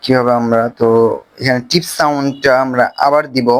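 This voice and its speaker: A man with a Bangladeshi Bengali accent, casually explaining a phone video-editing app step by step, with pauses as he clicks. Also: mid-range voice, fairly even intonation, a little hiss or hum. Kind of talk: screen-recorded software tutorial.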